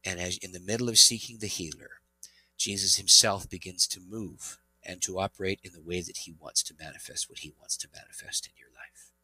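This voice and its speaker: Forceful, low-voiced pastor telling a story. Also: male voice, brisk, husky, no room sound, soft background music, rough recording. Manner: earnest, animated testimony. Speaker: pastor, guest. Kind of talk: interview storytelling.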